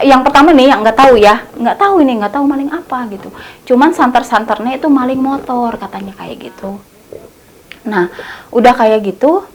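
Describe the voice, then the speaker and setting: A woman telling a horror story in a casual, colloquial way, repeating herself often and using many fillers. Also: a little high.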